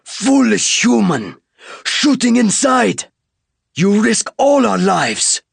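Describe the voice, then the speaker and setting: A hulking alien soldier, who barks in heavily accented English. The voice is loud, pitched well above the narrator's own, and strained in timbre. The read is dry and close, with a stern, scolding edge. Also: male voice, sing-song, measured pace, vocal fry, husky, no echo, full character voice. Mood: angry. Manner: heavily accented, barking, formal. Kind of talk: audiobook character voice.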